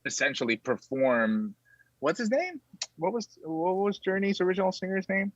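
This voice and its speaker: A Tagalog-speaking man from the Philippines talks with an American accent as a guest in a casual interview. He rambles with lots of fillers and sudden high jumps in a sing-song voice at normal speed, on a dry, lo-fi recording.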